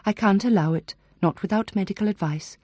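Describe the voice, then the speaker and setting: A woman's voice: medium pitch, fairly quick, darkish tone, no room sound, clean studio sound, pitched above the performer's own voice, lightly acted. A woman voicing an uneasy young woman with a slight Welsh accent, speaking tense and urgent. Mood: firm.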